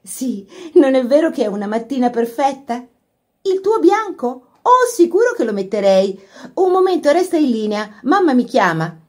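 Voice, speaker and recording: A woman voicing an excitable young society girl who talks in a breathless, gushing rush. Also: high-pitched, measured pace, few pauses, voice pushed up. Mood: gushing excited.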